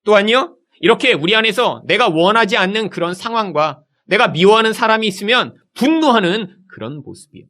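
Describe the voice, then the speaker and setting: A middle-aged male pastor preaching in church with a high, lively voice. His pitch swings widely as he acts out the people in his stories. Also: a little fast, few pauses. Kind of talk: sermon.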